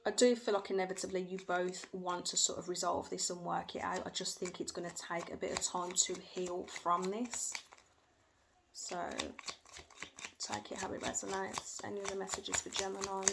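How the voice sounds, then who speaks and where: A woman's fairly low, gravelly voice carries a steady tone at a moderate pace as she reads tarot cards for viewers at home. Hedging and repeating phrases, she speaks by feel, with her young children faintly audible nearby.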